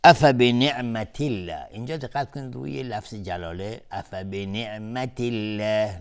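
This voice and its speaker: A man teaching Quran recitation in a televised lesson, explaining patiently step by step and slowly drawing out recited examples. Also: deep voice, a little mellow.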